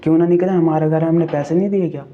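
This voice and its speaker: A man's voice: fairly high pitch, fairly even intonation, rapid-fire, highs cut off, a little hiss or hum. A man casually retelling a ghost story, chatty, checking in with the listener and asking questions as he goes.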